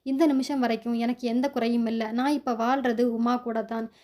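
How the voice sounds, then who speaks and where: Casting: woman reading as a soft-spoken grieving older mother, warm and a little high. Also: steady tone, normal speed, close to an everyday voice. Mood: sorrowful.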